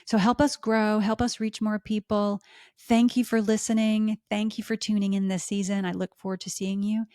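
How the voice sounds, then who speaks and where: A middle-aged woman hosting a podcast, talking smoothly and melodically as she coaches listeners through exercises. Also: medium pitch, level tone, moderate pace, darkish tone, dry recording, studio quality. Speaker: podcast host. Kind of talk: instructional podcast talk.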